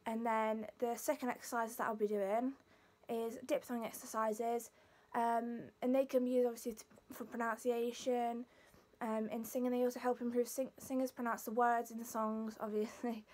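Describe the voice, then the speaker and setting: Talking to camera in an informal manner, a young singing student from Leicester, going by her accent, shows and explains vocal warm-ups. She has a slightly high, a little mellow voice with flat delivery at a moderate pace.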